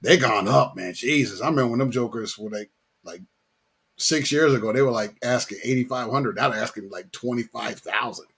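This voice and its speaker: A man's voice: medium pitch, fairly quick, fairly bright tone, breathy edge. A man chatting casually as host in a slangy, laid-back way, often repeating his phrases. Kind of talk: casual chat.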